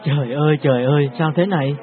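A woman puts on a panicked old man for a storybook, her voice pushed well down into a deep register. He cries out in alarm and sounds set back from the mic. The audio is thin and phone-like, with music clearly playing underneath. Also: fast, distant mic, close to an everyday voice. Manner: alarmed crying out. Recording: tinny lo-fi with music behind.

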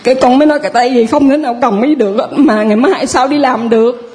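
Southern Vietnamese woman, parish testimony, halting and rambling, keeps restarting. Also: sits high, a little mellow. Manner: halting and rambling, with many restarts and laughs through tears. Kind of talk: spoken personal testimony.

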